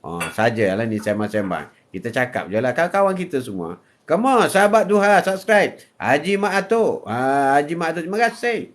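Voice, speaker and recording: A man's voice: a little high, sing-song, normal speed. An older man with a Malaysian Malay accent, hosting a casual live-stream chat, joking, laughing often and reading out viewer comments. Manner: jokey, laughs often, mixes in English phrases.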